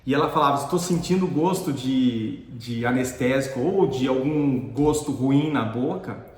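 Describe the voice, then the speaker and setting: A middle-aged man telling a personal story in an earnest, halting way, often restarting his sentences. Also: medium pitch, a little mellow. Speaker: dentist and teacher. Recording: echoey room with long reverb.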